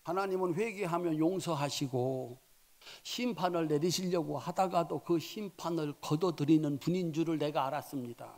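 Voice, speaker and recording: A man preaching as senior pastor, telling a Bible story dramatically, swinging between soft asides and loud exclamations. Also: a little high, normal speed. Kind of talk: sermon.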